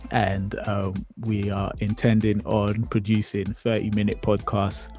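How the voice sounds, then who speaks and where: A man in his twenties hosting a casual podcast chat, relaxed and easygoing, with frequent ums. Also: lowish voice. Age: 20s. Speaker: podcast host.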